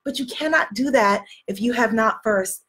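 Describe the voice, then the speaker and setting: Her voice sits on the high side, a bit bright and husky, at a moderate pace. This woman, a spiritual coach streaming live on video, sniffles from a cold as she encouragingly reads viewer comments and leads repeated affirmations.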